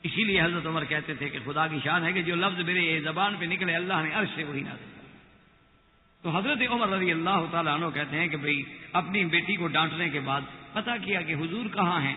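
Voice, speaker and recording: A man with a Pakistani Urdu accent delivers an animated sermon, acting out the voices in his story. His voice sits high, and it comes through a thin phone-like line. The sound carries a long hall reverb. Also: slight background noise. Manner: animated retelling, acting out quoted speech. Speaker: Islamic scholar lecturing. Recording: echoey hall over a tinny, lo-fi line.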